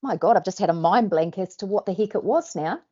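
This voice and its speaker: A woman's voice: medium pitch, lively intonation, brisk, mellow, highs cut off. A woman, a hypnosis trainer hosting, chatting in an upbeat, encouraging, coaching way. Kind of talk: casual interview chat.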